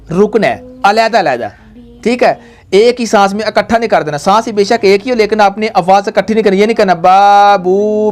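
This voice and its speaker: A male Quran teacher leads a tajweed lesson, stretching each letter sound in a sing-song recitation. He often pauses to ask "all right?" and speaks to his viewers as he guides a young pupil through call-and-repeat drills. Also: sits high. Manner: keeps saying "all right" and addressing viewers.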